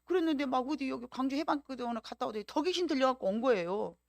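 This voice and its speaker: Gravelly Jeolla woman pastor preaching. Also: sits high, fast talker, no echo, studio quality. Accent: Jeolla Korean. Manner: lively storytelling with acted-out quotes. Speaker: senior pastor. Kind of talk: sermon.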